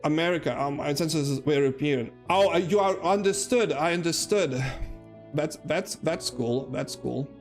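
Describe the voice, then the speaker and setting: Faint music runs behind a man's fairly high voice moving at a moderate pace. A Lithuanian streamer with a matching accent, he addresses his chat loosely while gaming, rambling along and poking fun at himself.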